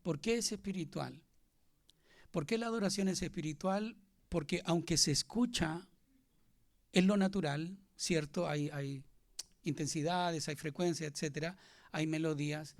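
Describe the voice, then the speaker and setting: A male pastor delivers a sermon and puts questions to his congregation. His voice sits a little high and carries a heavy gravelly fry. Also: normal speed. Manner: preaching to a congregation, asking them questions.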